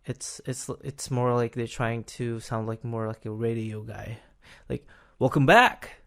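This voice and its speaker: A man with a gravelly, fry-edged voice hosts a laid-back podcast chat. He talks in halting bits, stacking fillers and restarting his sentences, and often chuckles mid-thought. His pitch sits at a middling level. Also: little pitch movement. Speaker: podcast host.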